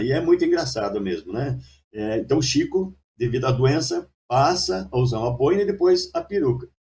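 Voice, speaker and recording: A man's voice: mid-range voice, dark tone, far from the mic. A man telling anecdotes as a talk show guest, hesitating and repeating words. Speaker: guest storyteller.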